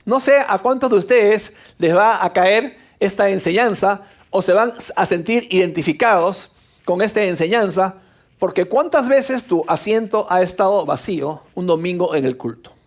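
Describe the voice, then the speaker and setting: A middle-aged man preaching a sermon, full of rhetorical questions and emphatic pauses. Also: high voice, animated. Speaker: pastor.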